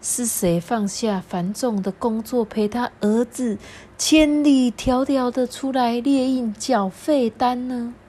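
A grumbling dad who teases and scolds his son in a mock-stern voice, as a woman storyteller puts him on. He speaks slowly and deliberately. This is a voice from a read-aloud children's storybook. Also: a little high, dark tone, voice pushed up. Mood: self-pitying. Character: teasing, grumbling father of a young boy.

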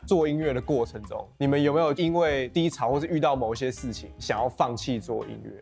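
Taiwanese Mandarin-accented male interviewer, brisk questions over faint music. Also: mid-range voice, gravelly, darkish tone. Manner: quick, plain-spoken questions.

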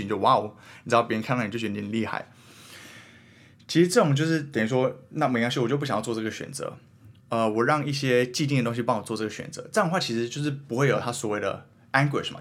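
A young man in his twenties with a Taiwanese Mandarin accent, hosting a podcast in casual chat and thinking out loud in an earnest, rambling way. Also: mid-range voice, slightly rough. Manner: earnest, rambling, self-questioning. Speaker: podcast host.

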